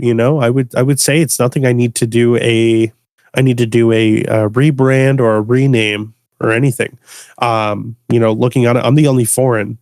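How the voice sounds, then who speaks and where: A man's voice: mid-range voice, a little mellow, dry recording, studio quality. Laid-back young man, laughing often. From United States. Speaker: guest bass music producer. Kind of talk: casual podcast conversation.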